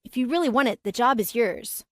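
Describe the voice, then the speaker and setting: A woman's voice: on the high side, expressive, a little fast, no echo, studio quality, voice pushed up, natural voice. A woman reading the part of an earnest, hopeful billionaire father in an audiobook. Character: eager single-father billionaire man.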